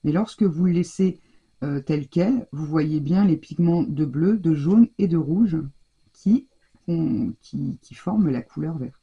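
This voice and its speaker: A woman's voice: low-pitched, a little slow, husky, muffled recording. A woman chatting to viewers as she demonstrates a craft technique, talking while she works and often restarting her sentences. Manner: talks straight to viewers while working, restarts and trails off. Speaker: craft tutorial host.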